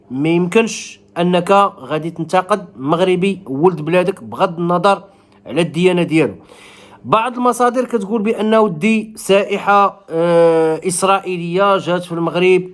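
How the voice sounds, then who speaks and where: A man from Morocco with a Moroccan accent gives casual spoken commentary to viewers, emphatic and repeating phrases to drive points home. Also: sits high.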